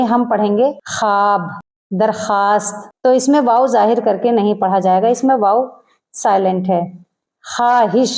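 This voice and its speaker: Warm-voiced woman teaching Urdu grammar. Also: fairly high pitch. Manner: slows down to pronounce example words. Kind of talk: explaining a grammar lesson.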